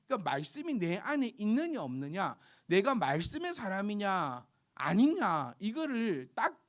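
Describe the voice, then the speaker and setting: A man preaching a sermon, emphatic and exhorting, breaking into soft asides. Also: high voice. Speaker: pastor.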